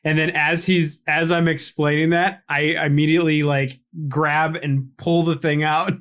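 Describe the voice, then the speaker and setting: A man's voice: on the high side, moderate pace, clear, resonant tone. A man playing a tabletop game, describing his character's actions with frequent laughs and restarts. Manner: laughing, self-interrupting, animated. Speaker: player. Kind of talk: casual tabletop role-play.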